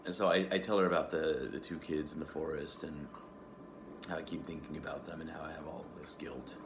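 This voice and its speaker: In a stage monologue, an actor plays the profane, guilt-ridden ghost of a male tiger, telling the story with wry, sardonic humor. His rumbling low voice keeps a fairly even intonation at a brisk pace, recorded in an echoey room with a little hiss or hum.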